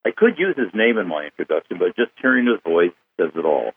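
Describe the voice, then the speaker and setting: A man's voice: deep voice, sing-song, fast, slightly rough, dry recording. A male host running a phone interview, effusive in his praise for his guest. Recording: tinny phone line.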